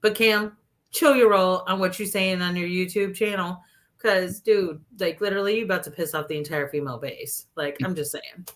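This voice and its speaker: A woman's voice: fairly low pitch, moderate pace, fairly bright tone. A woman hosting a sports podcast, talking candidly in a chatty way, full of "like" and "literally.". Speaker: podcast host. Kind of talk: casual sports chat.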